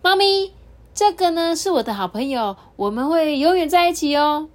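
A woman voicing a lonely little red button in a children's story, high and childlike. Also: lively intonation, normal speed. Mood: eager.

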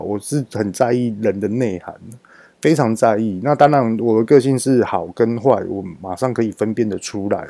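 Mellow man telling a story. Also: medium pitch, dry recording. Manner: lively retelling that acts out quoted dialogue. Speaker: business owner. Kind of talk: personal storytelling.

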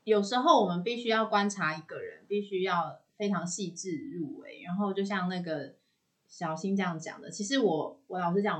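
A woman co-hosting a casual chat in Taiwanese Mandarin, giving her own thoughtful views. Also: fairly low pitch. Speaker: podcast co-host.

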